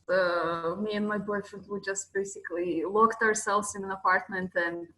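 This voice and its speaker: A woman's voice: medium pitch, fairly bright tone, echoey room, low-quality recording. Candid woman from Kyrgyzstan on a call. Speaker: guest, shop owner. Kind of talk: video call interview. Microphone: video call.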